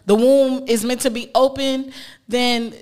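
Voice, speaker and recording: A woman hosting a podcast in sassy, casual banter, quick to laugh and giving relationship advice. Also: on the high side, steady tone, darkish tone. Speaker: host.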